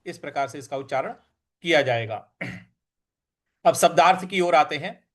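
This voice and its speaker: A man teaching how to recite Sanskrit verse, breaking words into syllables and repeating them slowly and deliberately. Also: a little high, lively intonation, fairly bright tone. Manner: slow, deliberate syllable-by-syllable drilling.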